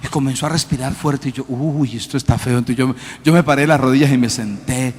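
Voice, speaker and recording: A man preaching a sermon and telling stories in a lively, animated way, acting out the voices he quotes. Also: mid-range voice, fast. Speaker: pastor. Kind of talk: sermon with storytelling. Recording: long hall reverb.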